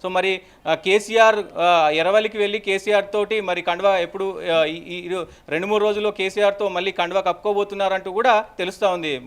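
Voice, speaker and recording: Giving an unscripted live news update, a reporter with a Telangana Telugu accent speaks in halting, repetitive phrases. His voice sits high, with a clean tone and fairly even intonation.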